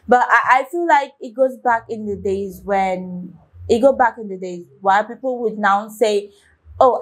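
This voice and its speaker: A young woman hosting a reaction video, talking straight to her viewers in a loose, halting way. She has a mid-range voice, restarts her sentences and fills gaps with "um" and "like" as she thinks aloud. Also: medium pitch. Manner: rambling, halting, with many restarts and fillers; talks straight to viewers, asking their opinion. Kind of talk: casual reaction commentary.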